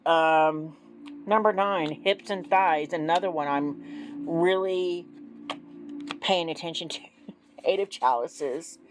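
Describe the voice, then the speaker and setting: A woman's voice: lowish voice, slow, pauses often, a little hiss or hum, rough recording. A woman in her forties doing a casual tarot reading, chatty and self-deprecating with frequent ums. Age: 40s. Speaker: tarot reader. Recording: music playing behind.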